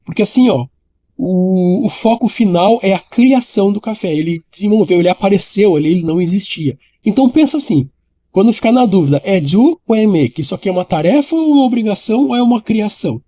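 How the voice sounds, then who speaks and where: A man's voice: high-pitched, expressive, fairly quick, dark tone. A man, explaining an English grammar lesson directly to the viewer and repeating key points. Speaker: English teacher.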